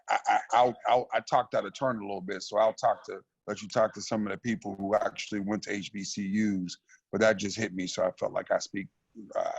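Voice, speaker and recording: A man speaking from home in a casual panel discussion over a remote call, halting and repeating words as he goes. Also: fairly low pitch, creaky, breathy edge, no echo, highs cut off. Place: at home on backup generator power.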